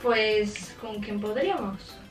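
A teenage girl chatting casually in an animated way in a bedroom, a little away from the microphone. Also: mid-range voice, takes it slowly. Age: teens. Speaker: daughter hosting a prank video. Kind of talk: casual chat. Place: small bedroom, indoors. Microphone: camera a short distance away. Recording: echoey bedroom, distant mic, faint music.

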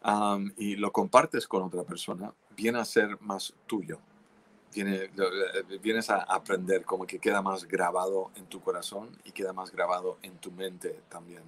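A man teaching in a sermon, his voice low and grounded. He urges the listeners with steady earnestness. He often repeats a word before finding the rest of the thought. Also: measured pace, a little hiss or hum. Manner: earnest, exhorting, frequent restarts. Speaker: pastor.

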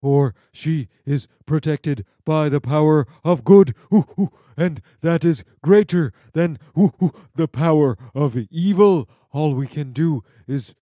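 A man doing a booming hooting monkey leader. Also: unhurried, hardly any pauses, dark tone, no echo, studio quality, lightly acted. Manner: booming, hooting ooh-ooh calls between words. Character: loud hooting winged monkey leader, male.

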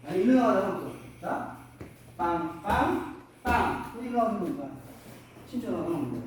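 A middle-aged boxing coach drills a student with clipped commands and shouted punch sounds. His voice sits high and swings widely in pitch. The sound comes from a distance in a very echoey gym. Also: sing-song, quick pace, slight background noise. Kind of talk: hands-on boxing instruction. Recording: echoey gym, mic from afar.

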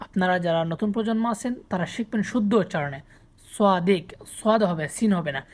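Woman language teacher, lowish voice, slow deliberate drilling of words, repeats each term twice. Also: lively intonation, darkish tone. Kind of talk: spoken vocabulary lesson.

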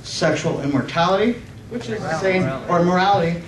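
A high-pitched middle-aged man preaches at a church conference, reading scripture haltingly and a little nervously while correcting himself and asking for amens, with crowd noise around him. Recorded indoors on a church hall stage, his stand microphone is picked up by a distant camera, leaving a roomy sound with faint noise.

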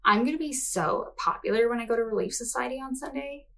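A woman in her forties hosts a reaction commentary show from what looks like a small home office or craft room. Her voice is a little high and creaky, her pace quick, and her commentary casual, sarcastic, blunt and sweary with a mocking edge.

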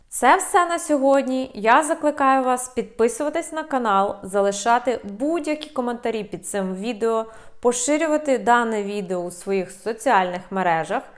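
Slow, careful woman English teacher. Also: fairly high pitch. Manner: slow, careful pronunciation drills. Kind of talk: language lesson.

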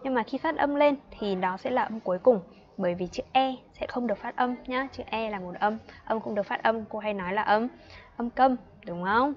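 A woman in her twenties with a Northern Vietnamese accent, teaching an online English class for young children, patient and playful, repeating words slowly. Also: a little high, dull audio. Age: 20s. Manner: chatty and playful, laughs often.

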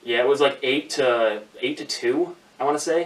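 Man, young adult, casual, rambling, deadpan, roomy echo, distant mic. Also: mid-range voice, moderate pace. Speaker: vlogger and prank caller. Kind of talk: casual prank call and vlog chat. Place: small room indoors at home. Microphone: camera a few feet away.

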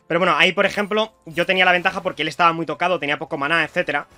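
A young man from Spain with a Spanish accent, chatting excitedly to viewers while commentating his own gameplay. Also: fairly high pitch, rapid-fire, no room sound, faint music behind. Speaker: streamer playing a video game.

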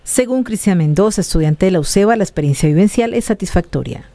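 A reporter reading a scripted news voice-over in an even tone. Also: mid-range voice, fast talker.

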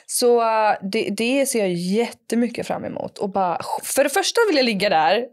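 A woman's voice: fairly high pitch, expressive. A woman chatting casually as a podcast guest, laughing often as she talks about her work. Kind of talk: casual chat.

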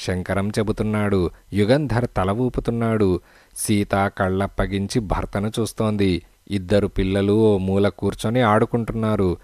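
A man narrating a detective story audiobook in a steady, measured reading. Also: on the low side, dry recording, clean studio sound.

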